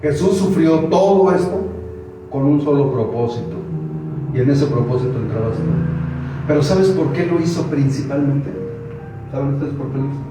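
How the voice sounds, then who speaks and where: A man's voice: fairly high pitch, lively intonation, normal speed, music in the background. A man preaching a sermon in a church hall, urging his listeners on with many rhetorical questions. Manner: exhorting, full of rhetorical questions. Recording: echoey hall from far off.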